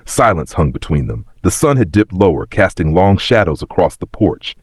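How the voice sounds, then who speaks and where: Deep husky male story narrator. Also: sing-song, normal speed, dry recording. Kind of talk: scripted dramatic story narration.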